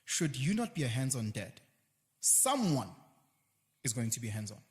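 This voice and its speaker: Animated South African man in a reverberant room. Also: mid-range voice, moderate pace. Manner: animated, acts out voices and quotes in passing. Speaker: guest. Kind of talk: casual conversation.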